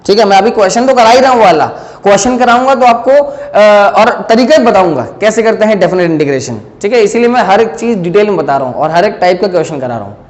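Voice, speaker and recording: High-voiced male teacher in an echoing classroom. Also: lively intonation, quick pace, hardly any pauses. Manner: explains step by step, mixes Hindi and English, keeps checking "clear hai?". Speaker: physics teacher. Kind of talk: classroom lecture at a board.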